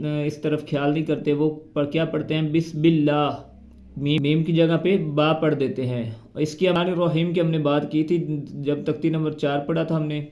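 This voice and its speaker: A man teaching a Quran reading lesson, spelling out letters and vowel marks slowly before reciting the words. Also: on the high side, a little mellow, reverberant.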